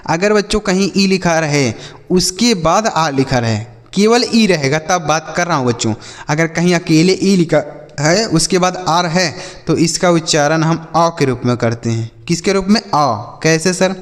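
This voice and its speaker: Guy teaching kids phonics, patient, keeps repeating and quizzing, slightly high voice. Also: measured pace. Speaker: English teacher. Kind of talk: classroom-style phonics lesson. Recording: long reverb, hall-like echo.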